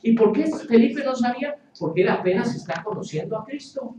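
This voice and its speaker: Lively high-voiced man preaching in a church. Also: brisk, echoey room, recorded from a distance, slight background noise, low-quality recording. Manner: animated, playful, acts out quoted voices. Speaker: pastor. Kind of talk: sermon. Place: church hall with congregation.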